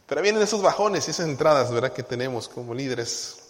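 Animated preaching man in an echoey hall. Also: mid-range voice, fast talker. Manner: animated preaching, acts out quoted voices. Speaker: pastor. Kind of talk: sermon. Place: church.

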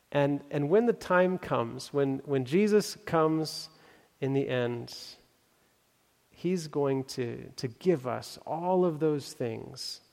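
A man preaching a sermon, reading scripture and telling a story in an earnest, building way with pauses for emphasis. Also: a little high, vocal fry, darkish tone. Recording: long hall reverb.

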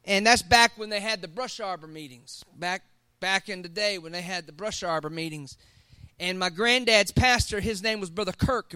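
A man preaching a sermon, calling out to his congregation and swinging between loud emphatic peaks and quiet storytelling. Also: sits high, clear, resonant tone, dry recording. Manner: preaching with call-and-response to the congregation. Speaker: pastor.

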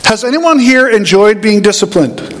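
A man preaching a sermon, an animated storyteller who acts out voices in his anecdotes. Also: sits high, normal speed. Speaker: pastor. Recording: hall reverb.

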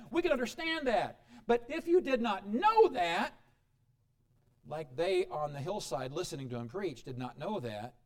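A man preaching a sermon, reading scripture aloud and explaining it with dramatic swings in loudness and frequent chuckles. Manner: dramatic shifts in pitch and volume, chuckles often.

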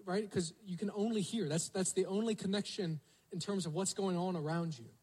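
A man's voice: high voice, brisk, a little mellow, slightly rough, low-quality recording. A male pastor preaching a sermon, telling the story vividly and asking the congregation rhetorical questions.

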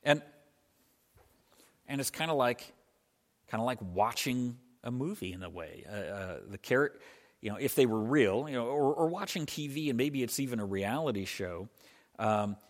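Pastor preaching in an echoing hall. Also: male voice, mid-range voice, animated, moderate pace. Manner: explanatory, restarts phrases often. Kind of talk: conversational sermon. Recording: reverberant hall sound.

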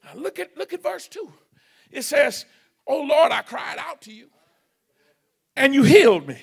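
High-voiced, gravelly shouting preacher. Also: male voice, sing-song, measured pace. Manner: fervent, shouting in bursts, call-and-response with the congregation. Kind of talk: sermon. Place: church sanctuary.

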